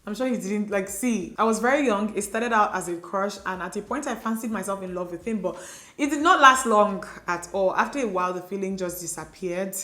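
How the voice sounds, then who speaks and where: Bright and forceful, a young Igbo-speaking Nigerian woman with a mid-range voice talks a little fast to camera as a beauty vlogger. She's chatty and confiding, full of fillers, and the sound is reverberant.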